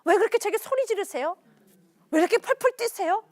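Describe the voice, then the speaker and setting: A woman's voice: extremely high pitch, expressive, fairly quick, no room sound, pitched above the performer's own voice. Woman doing a sulky, defensive teen boy. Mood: defensive whiny.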